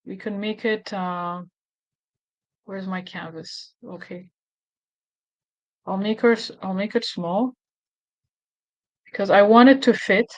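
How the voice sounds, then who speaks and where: A woman's voice: mid-range voice, steady tone, takes it slowly, pauses often, dry recording. Woman, casual tutorial host, talks through her steps, fillers and restarts, dry close sound. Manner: chatty, thinking aloud with fillers and restarts. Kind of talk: casual screen-recorded tutorial.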